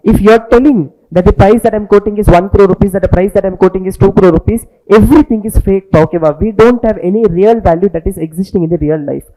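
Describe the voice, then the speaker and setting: A man teaches informally in a Tamil accent, his voice high and rather mellow. He talks at a very rapid pace, explains through stories, and repeats himself, often adding short questions to check he is understood. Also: rough recording. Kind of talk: informal lecture with storytelling, mixing English and Tamil.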